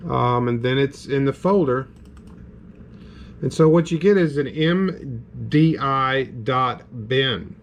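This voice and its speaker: Man, southern accent, casual tech tutorial, rambling step-by-step, lots of fillers, mid pitch, keyboard clicks behind. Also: takes it slowly, slight background noise. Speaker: game hardware reviewer. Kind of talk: casual screen-recorded tutorial.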